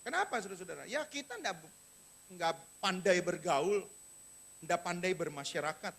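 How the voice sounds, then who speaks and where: A man preaching a sermon to his congregation, animated and direct, who often drops into quiet asides and speaks. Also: high-pitched, normal speed, vocal fry. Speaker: pastor.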